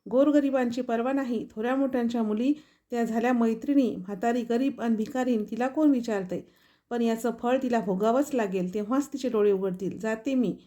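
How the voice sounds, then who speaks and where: A woman's voice: fairly high pitch, fairly quick, dark tone, natural voice. A woman doing a scornful old beggar woman. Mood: indignant. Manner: scolding, bitter rebuke. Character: poor old woman, a goddess in disguise, proud and wrathful.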